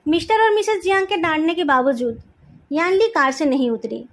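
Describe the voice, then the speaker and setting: Woman reading out a fan story, calm and even, fairly high voice. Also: normal speed. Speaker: fan fiction narrator. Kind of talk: storytelling narration.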